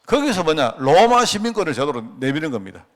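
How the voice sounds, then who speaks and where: A man's voice: a little high, big pitch swings, brisk, fairly bright tone. A middle-aged male pastor giving a conversational sermon at a prayer meeting, asking the congregation rhetorical questions and telling anecdotes. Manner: acts out quoted dialogue.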